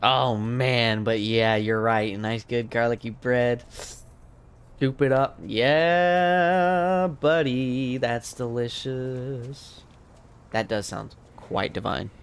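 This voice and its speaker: Late at night, an American streamer who also teaches languages chats with his viewers while gaming, sounding tired and losing his voice. He speaks a little slowly in a lowish, smooth, a bit bright voice with vocal fry and a steady tone, rambling in a laid-back way.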